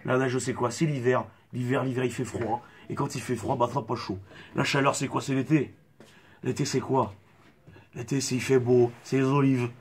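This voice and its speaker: Casting: young guy, southern French accent, clowning comic vlogger, mid-pitched, rambling absurd bits. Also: level tone, normal speed, slight background noise. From south of France. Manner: rambling, playful clowning with mock-serious tangents. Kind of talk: absurd improvised comedy monologue.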